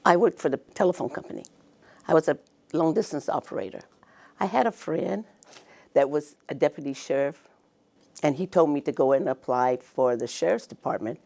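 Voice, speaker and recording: An older woman, a retired police officer, telling her story briskly in a documentary interview. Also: low-pitched, animated, creaky, warm tone.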